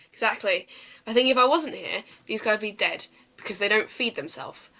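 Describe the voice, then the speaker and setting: A man voicing an upbeat male chef in a tabletop roleplay, eager and cheerful. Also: moderate pace. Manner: eager, high and bright.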